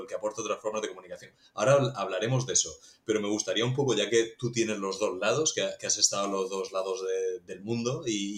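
A middle-aged man hosting a podcast interview, asking chatty, winding questions in a casual tone. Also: fairly low pitch. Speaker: podcast host. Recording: echoey room.

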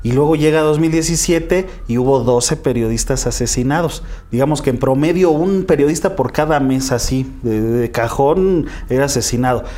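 A man's voice: mid-range voice, moderate pace, hardly any pauses, mellow. A man, a lawyer, explaining figures step by step in an interview. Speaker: lawyer interviewed for a press freedom group.

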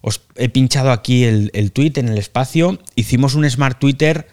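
A man's voice: medium pitch, moderate pace, a little mellow. A man with a Spain Spanish accent hosting a casual live audio chat, chatty and self-mocking, swearing casually as he talks into a phone mic. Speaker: podcast host.

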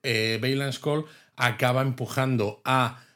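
A man's voice: mid-range voice, steady tone, a little slow, fairly bright tone. A man, co-hosting a podcast and reviewing a TV episode in casual, thoughtful chat that is full of tag questions. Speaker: podcast co-host.

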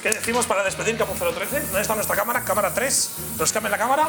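A man's voice: sits high, racing. A man with a Spanish accent from Spain co-hosting a live show with casual banter. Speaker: co-host. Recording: music behind the voice.

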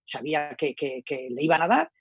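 A man's voice: fairly high pitch, lively intonation, normal speed, no echo. A middle-aged man from Spain, a radio journalist guest, animatedly telling an anecdote and acting out the dialogue he quotes. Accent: Spain Spanish. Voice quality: husky. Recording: dull lo-fi dry recording.

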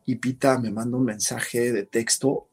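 A man, a podcast guest, telling a story in casual conversation, animated and acting out what others said. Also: mid-range voice, unhurried, husky. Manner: animated storyteller, acts out shouted quotes.

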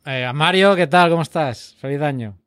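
A man's voice: a little high, normal speed, a bit bright, clean tone, no echo, studio quality. A man hosting a podcast in casual, joking banter with his co-hosts. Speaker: podcast host. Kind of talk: casual chat. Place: El Salvador.

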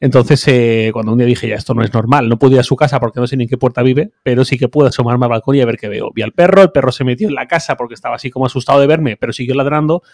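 Fast-talking guy in a casual podcast chat, lots of ums, mid pitch. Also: a little mellow, no echo, studio quality. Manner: fast, hesitant with many fillers.

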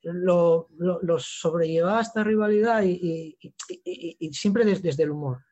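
A man with an Asturian accent, a guest on an interview, telling lively anecdotes with many halting restarts. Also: high-pitched. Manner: animated storyteller, halting restarts, acts out voices in anecdotes. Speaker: actor and writer, guest. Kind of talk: casual interview chat.

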